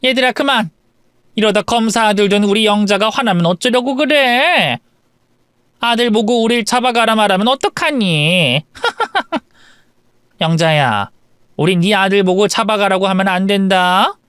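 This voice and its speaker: A man's voice: high-pitched, expressive, measured pace, pauses often, fairly bright tone, clear, resonant tone, dry recording, studio quality. Man doing a sneering rich woman bully. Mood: mocking. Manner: mocking, cackling.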